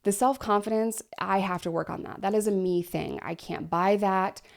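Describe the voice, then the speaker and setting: A woman in her thirties talking frankly and chattily in a personal vlog, often pausing for deep breaths because she is short of breath. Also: vocal fry. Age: 30s. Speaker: vlogger. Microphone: desk microphone.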